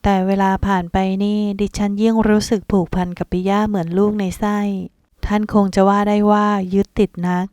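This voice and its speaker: An earnest, polite mother who speaks with respectful worry, as a female reader puts her on. The voice sounds mellow and smooth. It is recorded dry and close. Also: medium pitch, little pitch movement, a little fast, dry recording, natural voice. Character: devoted mother figure, polite and worried.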